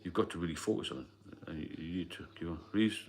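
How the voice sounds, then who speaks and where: This livestream host has a low, darkish voice and speaks fast. In a casual, plain-spoken ramble, he replies to viewer comments as he goes.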